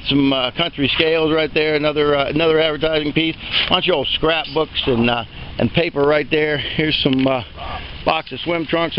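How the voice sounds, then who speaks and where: A man with a somewhat high voice walks through an outdoor auction preview at an open-air sale yard, rambling through the items in a folksy way and filling gaps with lots of fillers. He's an auctioneer giving an unscripted walk-and-talk tour. The recording is muffled, with a little hiss or hum.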